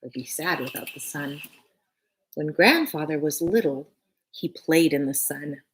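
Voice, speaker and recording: A woman teacher with a low voice reads a picture book aloud to children, expressive and casual, dropping in little asides. She speaks to her young listeners in short phrases, pausing between them. The audio is poor, with slight background noise.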